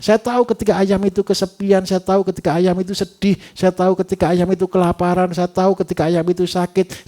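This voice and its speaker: A man giving a livestock farming workshop, lively and teasing, who keeps asking his audience rhetorical questions. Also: high-pitched. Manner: animated, repetitive, teasing.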